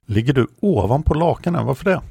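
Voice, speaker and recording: A man reading the lines of a dying young woman, soft and tearful. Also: mid-range voice, expressive, vocal fry, husky, no echo, pitched above the performer's own voice.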